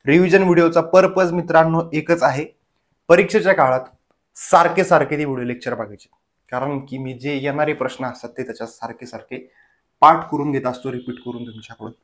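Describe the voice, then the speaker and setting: A male teacher giving an exam revision lecture in grammar, asking questions and answering them himself, over and over. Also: a little high. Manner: drilling with repeated questions and answers.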